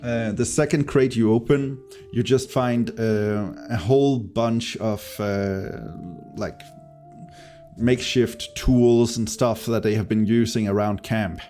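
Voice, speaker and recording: A man's voice: mid-range voice, steady tone, slow pace, dark tone, faint music behind. A man narrating a tabletop fantasy game as game master, improvising and hesitantly searching for words.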